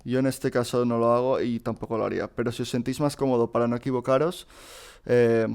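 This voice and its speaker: A man's voice: medium pitch, fairly even intonation, brisk, darkish tone, smooth. Guy walking students through an exam, chatty, lots of "eh" and restarts, clean voice. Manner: informal, addresses students directly, frequent fillers and restarts. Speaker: teacher solving a past exam. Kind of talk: casual screen-recorded lesson.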